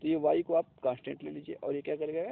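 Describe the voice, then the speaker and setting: A man's voice: fairly high pitch, flat delivery, quick pace, creaky, dry recording. A man teaching a math lesson step by step, mixing in English terms and asking and answering his own questions. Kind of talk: classroom math lecture. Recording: tinny lo-fi, phone-like recording.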